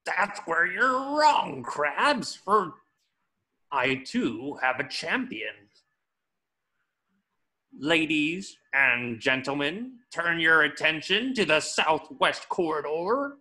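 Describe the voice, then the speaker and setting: A man's voice: a little high, big pitch swings, slow, pushed and bright, heavily acted. A man voicing a tiny, scheming, grandiose plankton villain in a cartoon table reading, pompous and theatrical.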